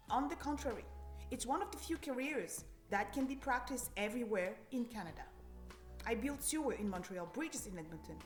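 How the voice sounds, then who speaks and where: A woman in her thirties from Cameroon, a civil engineer giving an earnest, encouraging scripted career talk to students. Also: high voice. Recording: echoey room, faint music behind.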